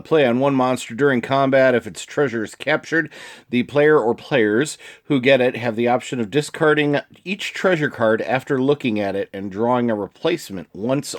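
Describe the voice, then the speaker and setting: Casual man reading game cards aloud. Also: mid-range voice. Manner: reads card text aloud with asides and chuckles. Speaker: channel host reviewing card game cards. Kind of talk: casual card-reading vlog.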